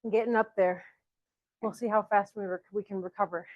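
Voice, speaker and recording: A woman with a Southern accent leading a workout class as fitness coach, out of breath, counting down and pushing her class on with energetic encouragement. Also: mid-range voice, fairly quick, muffled recording. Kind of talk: live workout class cues.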